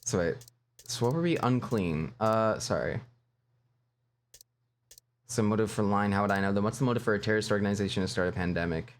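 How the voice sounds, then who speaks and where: A man's voice: fairly low pitch, a little fast, long pauses. A man streaming a video game, chatting casually, laughing and reading game lines aloud. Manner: animated, giggly, reads game lines aloud. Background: faint game music.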